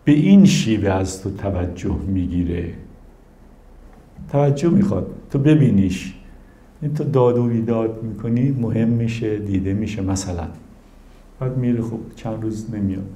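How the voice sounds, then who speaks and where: Guy with a deep mellow voice doing a spiritual talk, acts out stories, roomy echo. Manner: animated storytelling, acting out quoted people. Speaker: spiritual teacher and counselor.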